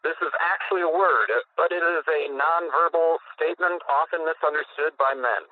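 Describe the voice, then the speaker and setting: A man's voice: a little high, moderate pace, no room sound. A man radio host reading out a comic list in a dry, explanatory way. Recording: tinny phone-like dry radio audio.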